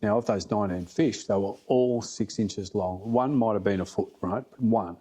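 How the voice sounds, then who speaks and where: A man's voice: on the low side, moderate pace, dark tone, husky. A middle-aged Australian man telling stories casually as a fly fishing guide on a podcast, plain-spoken and blokey with emphatic repetition.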